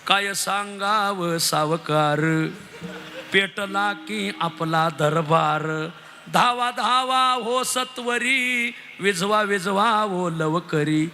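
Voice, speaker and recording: A man's voice: sits high, wildly swooping pitch, fast, gravelly, few pauses, pushed and bright, a little hiss or hum, full character voice. Man playing an anxious household servant. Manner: chanted rhyming verse, then blurted news. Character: anxious male servant in a rich man's household.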